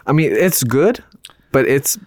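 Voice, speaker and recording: A man's voice: medium pitch, animated, a little slow, darkish tone, no room sound. A young man from Bolivia, a podcast guest, chatting in an easygoing way and laughing easily. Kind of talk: casual conversational interview.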